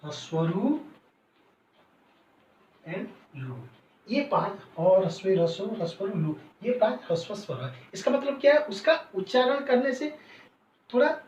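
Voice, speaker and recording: A man teaching as a Sanskrit teacher, slowly explaining each point in Sanskrit and then again in Hindi. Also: high-pitched, expressive, a little mellow. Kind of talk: classroom lesson. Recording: roomy, distant, dull sound with faint noise.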